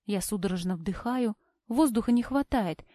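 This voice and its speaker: A young woman narrating an audiobook in the first person, with a measured, expressive delivery. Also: mid-range voice, dry recording, studio quality.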